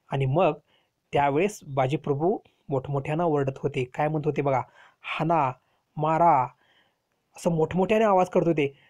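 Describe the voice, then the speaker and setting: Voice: medium pitch, darkish tone. A teacher telling a history lesson to children, explaining step by step and asking rhetorical questions.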